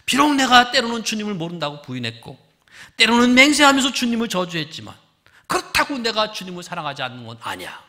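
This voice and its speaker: A male pastor preaching a sermon in a church, swinging between loud emphasis and hushed, whispered lines. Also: high-pitched, wildly swooping pitch, fast talker. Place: church sanctuary.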